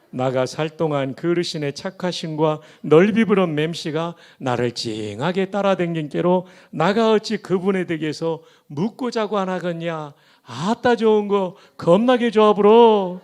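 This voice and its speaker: A man doing a hearty Jeolla countryman. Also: high-pitched. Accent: Jeolla dialect. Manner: loud, sing-song, drawn-out exclamations.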